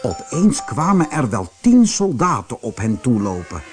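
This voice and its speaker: A man narrating a children's storybook in an expressive, animated way. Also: medium pitch, measured pace, music in the background.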